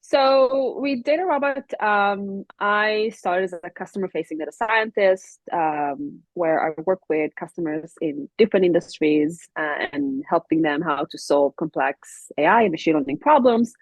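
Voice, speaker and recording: An Israeli woman appears as a podcast guest and tech product advocate, answering questions in a friendly way, laughing often and using plenty of ums and uhs. Her voice is fairly low and moves at a moderate pace with few pauses, and there's no room sound.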